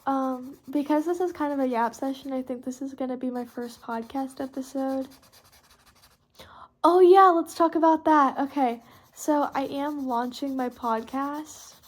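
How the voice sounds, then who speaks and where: This podcast host is a teenage girl from Texas in the United States who chats and rambles in a casual, youthful manner as she colors. Her voice sits high with a darkish tone, level and at a moderate pace, and pencils and markers scratch on paper behind her.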